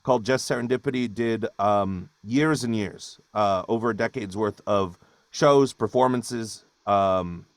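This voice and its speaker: A man in his thirties from Hawaii, a voice actor appearing as a guest on a video call, chats casually in a webinar, rambling with fillers and restarts. His voice is lowish and a little slow, with no echo.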